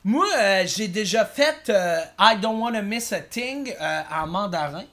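A Québécois guest with a bright, forceful tone rambles through comedic interview banter. The delivery is hesitant and full of fillers, and outrageous claims come in a deadpan, mock-serious way at a middling pitch. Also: a little slow. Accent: Québécois French.

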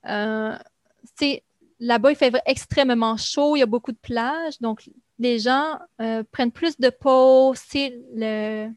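A young adult woman, explaining things in a relaxed conversation, chatty and full of fillers. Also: on the high side, unhurried, dry recording. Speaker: guest recounting life in Brazil. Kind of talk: casual conversation.

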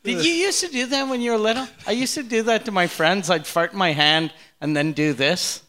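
A man's voice: high voice, brisk, bright, forceful tone. A man in casual, crude comic chat, blunt and teasing with his partner.

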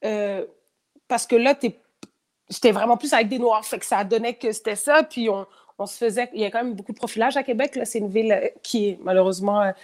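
Slightly high, a bit fast and darkish in tone, this woman in her thirties has a Quebec French accent with a light France-French shade. Guesting on a casual interview, she's open and laughs often, with many fillers, repetitions and restarts.

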